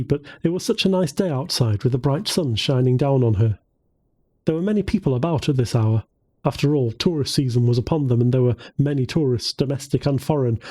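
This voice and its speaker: A man narrating a novel as an audiobook in a steady, even storytelling manner. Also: medium pitch.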